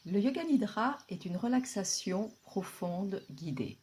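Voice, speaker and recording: A yoga nidra session is led by a woman who guides deep relaxation at an unhurried pace. Her tone stays soothing and calm, and she lets long pauses sit.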